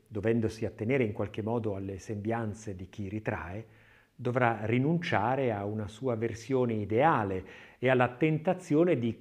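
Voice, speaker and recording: In a lowish voice, a man performs an audiobook narration, his scripted literary delivery marked by dramatic emphasis, expressiveness and measured phrasing.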